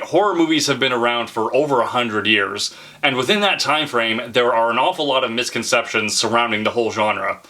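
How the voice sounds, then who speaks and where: A man's voice: mid-range voice, bright, forceful tone. A man hosting his own horror movie channel, talking casually and chattily to his viewers. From Canada. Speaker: horror video host. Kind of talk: casual talk to camera.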